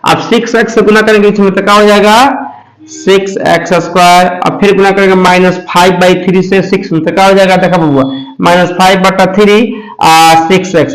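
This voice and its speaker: A man teaches math at a coaching class. He works through each step slowly, repeating himself and stopping often to ask if it is clear. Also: high-pitched, poor audio. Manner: slow, repetitive explaining with frequent check-ins. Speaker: math tutor. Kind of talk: blackboard math lesson.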